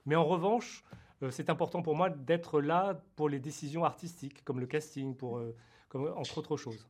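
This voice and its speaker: A man's voice: on the high side, moderate pace. A French-born man who created a TV series, answering interview questions hesitantly with many fillers and restarts. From France.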